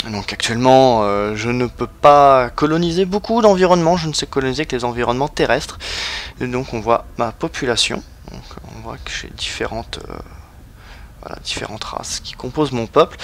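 The male host, whose mid-range voice has a fairly bright tone, is going hoarse while presenting a strategy game. He talks in a relaxed, halting way, often restarting sentences and leaning on fillers.

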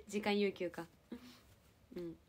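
A woman's voice: mid-range voice, huge pitch swings, extremely slow, a bit bright, breathy edge. A young woman from Japan casually chatting with viewers on a livestream, playful and giggly as she answers comments. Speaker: live streamer.

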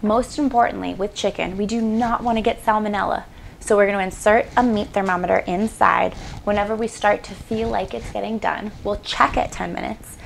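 Mid-range with a touch of vocal fry, this twenty-something woman runs a cooking show from her small home kitchen. Her delivery is upbeat and chatty with playful asides, picked up on a lapel mic along with a little hiss or hum.

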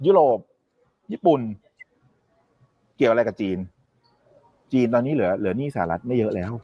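A man with a husky, slightly breathy voice talks about the economy in a loose, conversational way. His pitch moves a lot, rising and falling sharply to stress each point. He sounds sure of himself, makes firm calls, and keeps asking his listener whether they agree. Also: lively intonation, moderate pace, mellow, no room sound, muffled recording. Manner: confident, makes firm predictions. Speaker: economic commentator. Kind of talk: casual explanatory talk.

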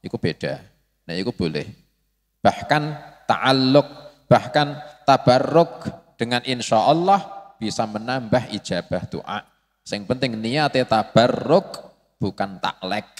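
A man giving a religious study lecture, explaining slowly and acting out prayers in a raised, pleading voice. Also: mid-range voice, expressive. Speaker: religious teacher. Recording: long hall reverb.

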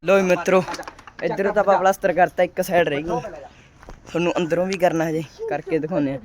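A man's voice: high voice, fast, crowd noise. A man with a Punjabi accent chatting casually to viewers and calling out to his companions in a colloquial vlog style. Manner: colloquial, calls out to companions and addresses viewers as friends. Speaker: pigeon-keeping vlogger. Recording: noisy handheld recording with clicks.

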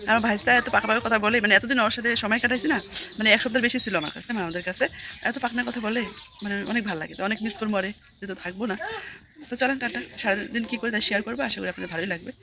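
A young woman vlogging casually from her rural home, a little hoarse, chatting quickly and cooing at a small child. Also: on the high side, noisy background. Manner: rapid chatty talk, coos loudly at a small child. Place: rural home, indoors and yard.

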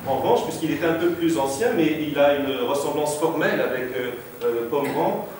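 A man's voice: on the high side, moderate pace, darkish tone, slight background noise. A man giving a lecture-performance, speaking hesitantly with many fillers and restarts. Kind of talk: lecture-performance with sound poetry readings. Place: exhibition hall at a foundation. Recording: very echoey hall, distant mic.

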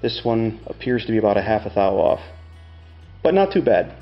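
A man's voice: fairly low pitch, very animated, moderate pace, lo-fi sound, soft background music. A middle-aged man explaining step by step like a plain-spoken machinist, in a casual hands-on tutorial. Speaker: tutorial host demonstrating measuring tools.

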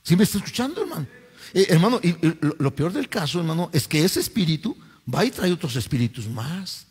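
A Mexican pastor preaches with fervor, his slightly high, husky voice climbing into loud appeals and sinking back down. He keeps calling out to the congregation, and his words hang in the long echo of a church hall. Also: sing-song, a little fast. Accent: Mexican Spanish. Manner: fervent preaching, often addressing listeners as brother, rising and falling. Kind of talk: sermon.

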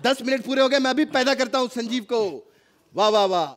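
A male comedian playing a sarcastic hospital doctor in a stage comedy sketch, firing off quick comebacks. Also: extremely high pitch, fairly bright tone. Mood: wisecracking. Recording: live stage, crowd and noise.

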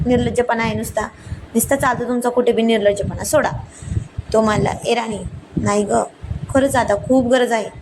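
Lady reading a romance story aloud, a bit high voice, noisy background.

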